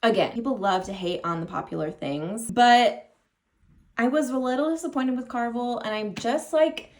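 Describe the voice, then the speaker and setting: A woman with a slightly high voice speaks at a moderate pace, vlogging about books directly to the camera. Her chat is casual and rambling, and she often interrupts herself.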